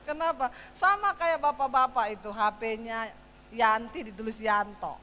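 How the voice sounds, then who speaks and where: A middle-aged woman delivers a sermon full of stories, her fairly high voice swinging between loud and soft as she plays out arguments at home. A faint hum sits under the recording. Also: unhurried. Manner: animated, acts out quarrels with her husband, shifting loud and soft. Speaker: preacher. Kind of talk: sermon with storytelling.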